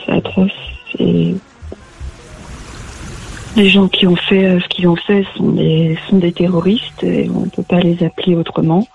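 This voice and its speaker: A woman from France, a guest on a live talk show, speaking haltingly and searching for words, on a dull lo-fi recording with faint music behind. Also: fairly low pitch, flat delivery, gravelly. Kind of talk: casual live discussion.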